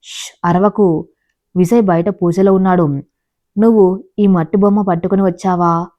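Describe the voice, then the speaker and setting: Lady doing a spiteful scheming woman, low voice, dull lo-fi sound. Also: fairly even intonation, unhurried, dark tone, lightly acted.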